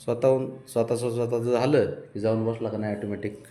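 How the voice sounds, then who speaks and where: A man's voice: medium pitch, steady tone, a little fast. A man talking casually to his pets, firm and coaxing, lecturing them about discipline while feeding them. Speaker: cat owner feeding his cats. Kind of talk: casual talk to pets and camera. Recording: echoey room, faint ambient noise.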